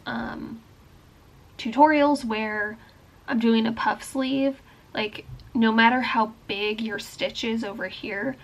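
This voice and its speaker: A crochet vlogger, a young woman with a slightly high, somewhat bright voice, chats as she works, explaining her crafting casually. She thinks out loud with plenty of "like" and "um," and a bad cold leaves her sounding a bit stuffy.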